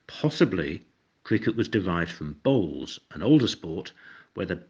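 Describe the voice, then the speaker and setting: A man's voice: low-pitched, breathy edge, muffled recording. An older English man with an English accent, narrating an educational explainer in a wry, dry-humored way. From England.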